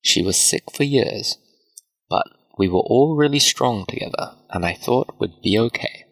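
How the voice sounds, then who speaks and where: A man's voice: medium pitch, lively intonation, a little slow, creaky, fairly bright tone, exaggerated voice, rough recording. A man reading as an upset teenage girl. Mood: sad, telling. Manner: pleading, upset.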